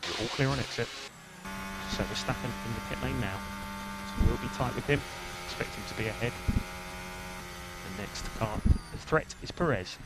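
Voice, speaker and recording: A man's voice: medium pitch, normal speed. A man working as a race engineer, giving terse pit radio calls in clipped instructions. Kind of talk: team radio communication. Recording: noisy team radio with loud hiss.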